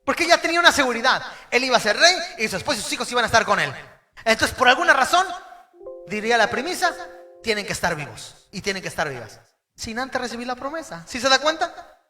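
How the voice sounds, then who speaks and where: A male pastor preaching an emphatic sermon, calling on the congregation to repeat key words and sometimes shouting them. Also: very high-pitched, big pitch swings, quick pace, soft background music.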